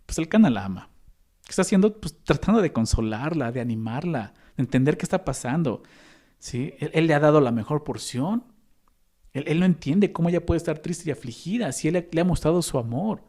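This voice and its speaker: A man's voice: on the high side, animated, fairly quick, mellow. A man with a Mexican accent preaching a sermon as a pastor, conversational and often adding tag questions to the listeners. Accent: Mexican Spanish.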